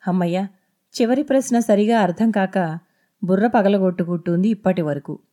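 A woman's voice: medium pitch, moderate pace, warm tone, natural voice. A woman reading the lines of an anxious, downcast young female student in a spoken story. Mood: weary. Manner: listless, weary.

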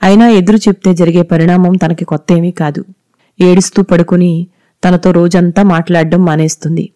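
A narrator reading a story aloud in a measured, even storytelling manner. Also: medium pitch. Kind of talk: scripted audiobook narration.

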